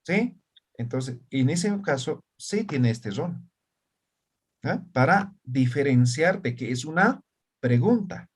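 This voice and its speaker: A man teaching a live language class, his pitch moving lively up and down. His voice is a little husky, and he keeps asking his students whether they follow. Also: takes it slowly. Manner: asks frequent check questions. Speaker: Aymara teacher.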